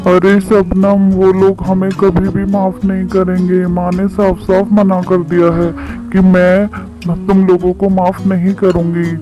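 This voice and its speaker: A man voicing a lazy, remorseful young pigeon husband in a cartoon story, talking slowly and apologetically. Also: high voice, steady tone. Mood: pleading. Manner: slow, pleading and apologetic. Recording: slightly dull lo-fi recording. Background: background music.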